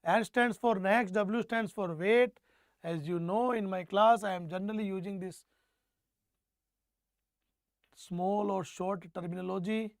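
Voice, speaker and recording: A man's voice: high voice, steady tone, normal speed, no echo. A man with a North Indian accent delivers an exam-prep lecture. He restates phrases for emphasis and keeps putting questions to his students. The sound is dry, with very little room in it. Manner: mixes Hindi phrases into English. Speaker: teacher.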